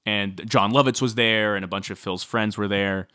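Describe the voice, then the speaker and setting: Speaking at a moderate pace in a clear, resonant, lowish voice, a man recounts a true-crime tale as podcast co-host in a dry, studio-quality recording. He's chatty with many fillers and turns animated when quoting.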